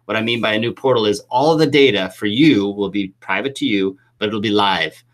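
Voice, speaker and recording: A man's voice: on the low side, fairly quick. A man coaching youth soccer, talking through a live chat Q&A with enthusiastic, rambling restarts.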